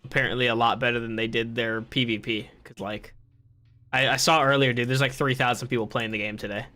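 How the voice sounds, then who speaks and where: A man's voice: medium pitch, fairly even intonation, brisk, bright, forceful tone. A young man hosting a gaming podcast, ranting in casual chat and swearing freely. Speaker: podcast host.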